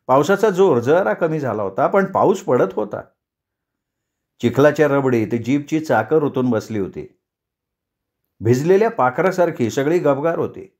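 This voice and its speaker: Male storyteller, expressive read-aloud narration, a little higher pitched. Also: a little slow. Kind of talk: story reading.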